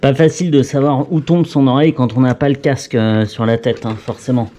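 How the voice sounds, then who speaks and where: A man's voice: mid-range voice, fairly even intonation, brisk, background noise. A man talking casually to himself as he fits a headset into a helmet, muttering and joking at his own expense. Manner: chatty, muttering to himself, self-mocking. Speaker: vlogger fitting a helmet intercom. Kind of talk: casual talk to camera while working.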